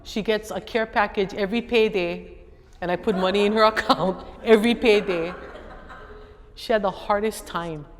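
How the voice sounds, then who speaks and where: In an echoey hall with faint background noise, a middle-aged woman with a Hawaiian accent, an educator appearing as a guest speaker, tells an animated story to her listeners and mimics other people's voices. She speaks at a medium pitch and normal speed.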